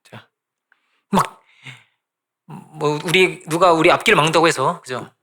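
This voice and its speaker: A man's voice: fairly high pitch, unhurried, pushed and bright. A male pastor giving a conversational sermon, often asking the congregation "right?" and repeating phrases for emphasis.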